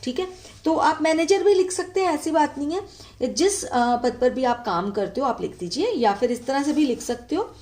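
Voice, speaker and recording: A woman's voice: high voice, expressive, moderate pace, darkish tone. A woman teacher patiently explaining a letter format step by step, often checking in with the listener. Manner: patient, frequent "ठीक है" check-ins.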